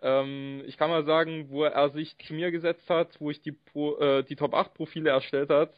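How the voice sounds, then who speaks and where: A man hosting a casual podcast chat, speaking in a measured way and hedging with fillers. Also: a little high, little pitch movement, no echo. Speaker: podcast host. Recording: dry, dull lo-fi sound.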